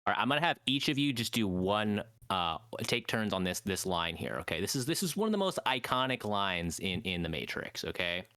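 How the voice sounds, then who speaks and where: A podcast host chats and directs his co-hosts through voice bits, laughing often and stumbling over restarts. His voice is bright and lively, swinging up and down in pitch. The sound is dry and close. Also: a little fast, few pauses, smooth, no echo. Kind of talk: casual comedy podcast chat.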